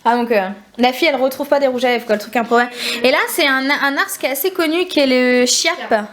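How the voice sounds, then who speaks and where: Chatty high-voiced young woman vlogger. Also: background noise. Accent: French regional. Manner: chatty, laughs often, quick asides. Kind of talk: casual vlog chat. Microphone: handheld camera.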